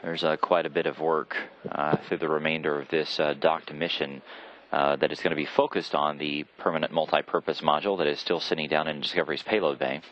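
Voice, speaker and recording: A man giving live explanatory mission commentary in a measured, hesitant way with pauses. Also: a bass voice, flat delivery. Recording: slightly dull lo-fi broadcast audio.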